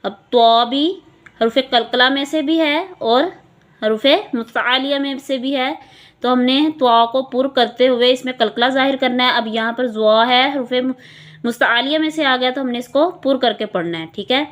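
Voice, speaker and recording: A woman with a Pakistani Urdu accent teaching Quranic recitation in a somewhat high voice. She explains each rule, then drills the syllables slowly and patiently for students to repeat. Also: a bit bright.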